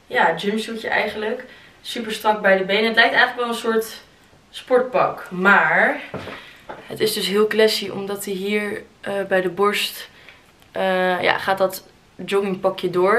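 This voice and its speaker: A woman in her twenties, chatty and excitable, talking casually into a handheld camera in her bedroom. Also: mid-range voice, a little slow, poor audio. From Netherlands. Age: 20s. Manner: chatty, excitable, mixes in English phrases. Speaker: vlogger. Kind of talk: casual vlog chat. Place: bedroom at home, indoors. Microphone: handheld camera close up.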